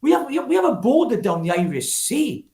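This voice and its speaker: This Welsh former parliamentary candidate, now a political activist, speaks in a very high, darkish-toned voice that swings widely in pitch at a fairly quick pace. As an interview guest talking off the cuff, he's oratorical and emphatic, repeating himself and posing rhetorical questions, all in a roomy-sounding space.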